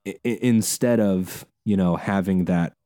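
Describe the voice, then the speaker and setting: A man co-hosting a casual podcast, animated and quick to laugh, with many fillers and restarts. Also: low voice, no room sound, clean studio sound. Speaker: podcast co-host.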